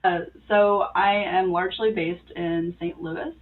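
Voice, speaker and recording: A young woman born in Croatia and raised in the American Midwest, giving steady explanatory answers as an interview guest over a video call. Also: on the low side, unhurried. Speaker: guest, organizational consultant. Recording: muffled video call audio.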